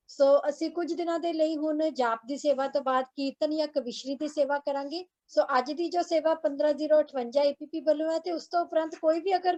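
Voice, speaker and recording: A woman giving polite announcements to students, with short pauses. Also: high voice, darkish tone, no echo, muffled recording. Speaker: organizer.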